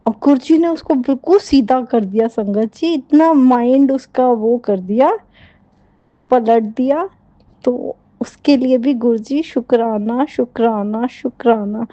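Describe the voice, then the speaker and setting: A woman's voice: a little high, unhurried, mellow, no echo, lo-fi sound. A middle-aged woman giving a devotional testimony, fervently repeating her thanks over and over.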